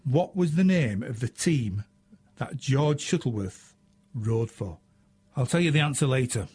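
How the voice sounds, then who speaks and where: A man's voice: medium pitch, lively intonation, a little slow, darkish tone. A man with a Northern English accent hosting a radio show, chatting casually and answering listener questions with plenty of ums and uhs. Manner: chatty, self-mocking, frequent ums and uhs.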